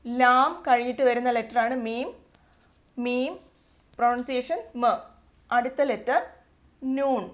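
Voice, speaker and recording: Malayali lady tutor, bit high voice, repeats each letter slow and patient. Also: fairly even intonation. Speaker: Arabic tutor. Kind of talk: step-by-step alphabet lesson.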